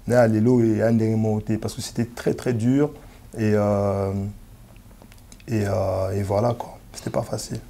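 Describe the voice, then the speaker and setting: A man's voice: fairly low pitch, level tone, measured pace, vocal fry, dark tone. A man, talking hesitantly as an interview guest and mixing in Lingala. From DR Congo, raised in Kinshasa. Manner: hesitant, many fillers and restarts.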